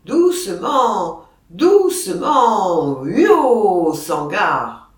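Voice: mid-range voice, slow pace. A reader doing a ranch boss calling out. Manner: calls out to calm the bull. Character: ranch owner, a grown man. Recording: roomy, distant mic.

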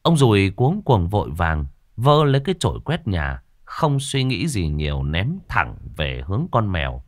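A man narrating a ghost story in a dramatic, expressive storytelling manner. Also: low voice, moderate pace, few pauses, dry recording, clean studio sound.

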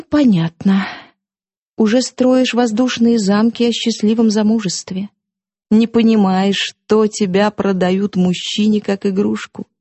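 A woman's voice: medium pitch, slightly rough, no echo. A woman reading an audiobook, voicing a defiant, mocking young woman who lashes out at her sister. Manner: sharp, mocking, impassioned outbursts.

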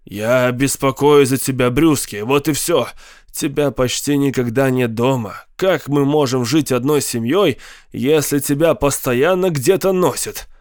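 A man voicing a scheming, moody middle-aged uncle who talks in a sly, coaxing way, pitched higher than his narration. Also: unhurried, a little mellow, no echo, studio quality, close to an everyday voice.

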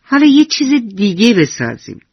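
A woman voicing a cheerful, curious little boy who speaks slowly and eagerly, on a dull lo-fi radio recording. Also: low-pitched, lively intonation, slightly rough, dry recording, full character voice.

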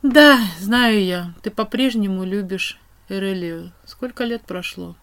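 Sharp teasing witch lady, storybook style, woman doing her. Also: mid-range voice, moderate pace, lightly acted. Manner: teasing, shifts to strict and cold.

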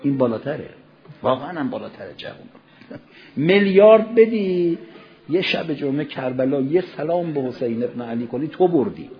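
A man with a fairly high voice preaches a religious sermon, turning to storytelling and acting out short exchanges. He moves between loud, stressed lines and soft, low asides. The recording sounds dull and lo-fi. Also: expressive. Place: religious gathering hall.

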